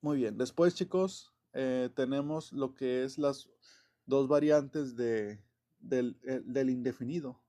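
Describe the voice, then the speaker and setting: An English teacher with a mellow, mid-range voice takes it slowly as he explains English grammar in a casual classroom way. His delivery is loose and chatty, peppered with fillers, self-corrections and quiet chuckles.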